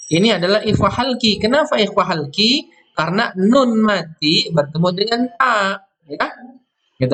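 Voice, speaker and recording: A man teaching Quran recitation rules, explaining step by step and slowly chanting verse words before each explanation. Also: sits high, fairly bright tone. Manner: explains step by step, often ending with "ya".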